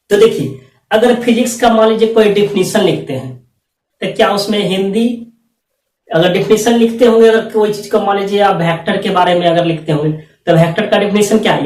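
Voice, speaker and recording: A man teaching math at a board, asking rhetorical questions and repeating them. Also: high-pitched. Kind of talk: classroom lecture at a board. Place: classroom with a whiteboard. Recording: echoey room, speaker far from mic.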